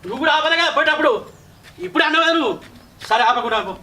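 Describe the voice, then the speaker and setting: A man's voice: extremely high pitch, lively intonation, rapid-fire, pushed and bright, a little hiss or hum, heavily acted. A man with a Telangana accent playing an arrogant, drunken husband who taunts and boasts. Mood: scornful. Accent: Telangana Telugu. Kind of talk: short film drama acting.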